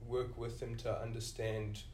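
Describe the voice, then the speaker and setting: A medium-pitched, slightly mellow voice belongs to a South African senior clinician who is a guest on a podcast. He speaks a little slowly in a level tone, answering thoughtfully and often restarting with "you know." He is far from the mic in an echoey room, with a little hiss or hum.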